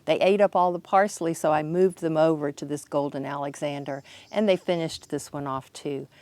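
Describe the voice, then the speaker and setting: A Kentucky woman in the United States tours her outdoor home garden, casually and instructively pointing out plants in plain words. Her voice sits low with a darkish tone and a moderate pace, and there's no echo. Faint outdoor ambient noise is heard behind her.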